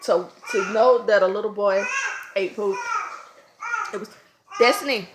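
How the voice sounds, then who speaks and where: A woman, a mother and vlogger, telling a casual storytime at home with loud, animated acted-out quotes and screams. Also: mid-range voice, measured pace, roomy sound, heavy background noise. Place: home, room with children around.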